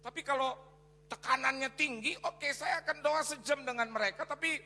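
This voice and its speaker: A man preaching a sermon as a pastor, telling a story in an animated way, acting out quotes and mixing in English phrases. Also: extremely high pitch, moderate pace. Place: large church hall. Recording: reverberant church hall with faint noise.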